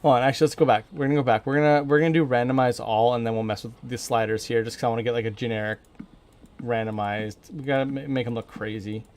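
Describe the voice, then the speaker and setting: An American man of medium pitch gives casual live-stream game commentary. He rambles informally, thinking out loud as he plays. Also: steady tone, fast talker. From northern Minnesota, USA.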